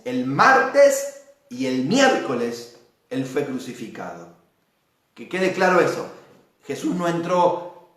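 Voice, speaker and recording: A man preaching a sermon as pastor, lively and dramatic, acting out the shouts of a crowd. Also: on the high side. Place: church. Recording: very echoey church hall, mic far off.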